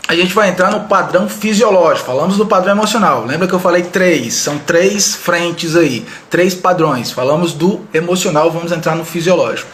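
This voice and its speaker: Guy running a live leadership class, fairly high voice, chatty, keeps asking "right?". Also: a little fast, few pauses, a bit bright, slight background noise. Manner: conversational, addresses viewers directly, frequent "né?" tags. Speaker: leadership trainer. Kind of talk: live online training talk. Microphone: video call style webcam mic.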